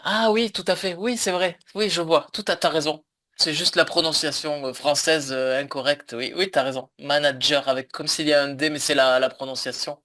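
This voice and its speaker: A man's voice: fairly high pitch, steady tone, fairly quick, bright, forceful tone. A man teaching a French lesson over a video call, explaining patiently with many fillers and repeats. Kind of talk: online language lesson.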